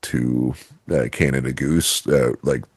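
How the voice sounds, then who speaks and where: A man co-hosting a podcast in a casual, rambling way, piling up fillers and false starts. His voice sits very deep and low. The recording is close and dry. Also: fairly even intonation, takes it slowly, breathy edge, no echo. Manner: rambling storyteller, many fillers and restarts, laughs easily. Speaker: podcast co-host. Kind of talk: casual chat.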